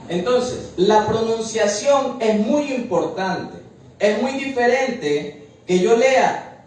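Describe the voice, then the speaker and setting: A male preacher with a high-sitting, slightly mellow voice teaches a Bible study, explaining patiently and often ending points with "amén." He's far from the mic in a very echoey room, with a little hiss or hum.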